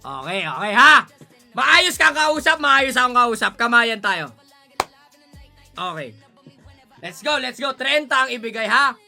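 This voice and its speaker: A man giving casual gaming commentary, excitable, pleading and shouting at the game as he plays. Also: extremely high pitch, a little slow, creaky, long pauses, faint music behind. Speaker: gaming streamer.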